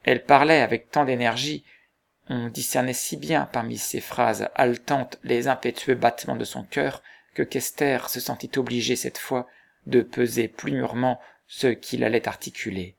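Gravelly-voiced man narrating a novel. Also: medium pitch, fairly even intonation. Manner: measured literary storytelling. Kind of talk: audiobook narration.

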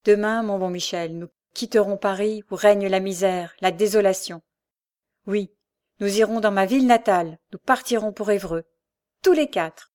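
A woman voicing a tender, devout poor young mother in an audiobook, speaking gently and earnestly. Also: mid-range voice, moderate pace, natural voice. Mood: hopeful. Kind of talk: audiobook character voice.

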